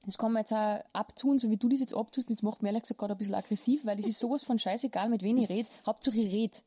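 A woman's voice: on the high side, fast, warm tone, husky, no echo. A young Austrian woman hosting a casual podcast chat, blunt and rambling, swearing freely. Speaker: podcast host.

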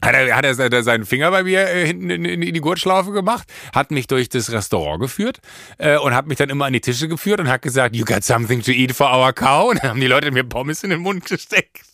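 Animated man telling a story. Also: a little high, fast talker, no echo, clean studio sound. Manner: animated, many fillers and restarts. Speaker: podcast host. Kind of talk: casual storytelling.

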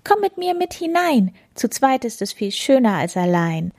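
A woman voicing a chatty, excited female cat in a children's story, breathy and high. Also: normal speed. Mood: eager.

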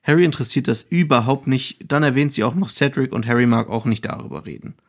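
A man with a mid-pitched voice co-hosts a casual book podcast. He makes sarcastic remarks and reads the narration of the excerpts aloud. His delivery stays conversational. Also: fast.

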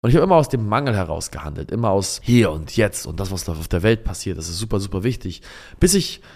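A man's voice: deep voice, lively intonation, quick pace, creaky, a little mellow. A man speaking reflectively in a personal storytelling podcast, often searching for words and repeating himself.

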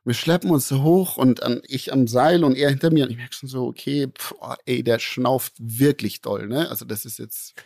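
A man, telling a long story as a podcast co-host in a lively, slangy way and acting out the voices in it. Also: medium pitch, moderate pace, few pauses, no echo, studio quality. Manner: animated, acts out voices in his anecdote, slangy. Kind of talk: casual storytelling among friends.

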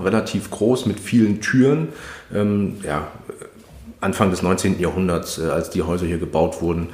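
A man co-hosting a podcast, talking casually in an interview, with hesitant pauses and fillers. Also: sits low, a little mellow. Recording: roomy echo.

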